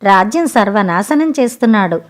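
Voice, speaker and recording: A woman's voice: medium pitch, lively intonation, moderate pace, close to an everyday voice. A woman reading as an outspoken, fed-up wife. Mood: indignant.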